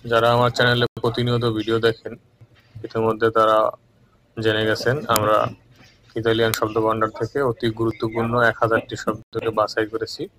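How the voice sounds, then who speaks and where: A man from Bangladesh teaching a recorded language lesson, calm and measured, repeating each word twice. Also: fairly low pitch, poor audio.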